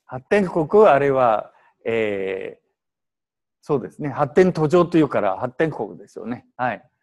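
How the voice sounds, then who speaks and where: A man's voice: mid-range voice, very animated, a little slow, a little mellow. A man teaching an English translation class in Japanese, prodding students with questions and switching into English.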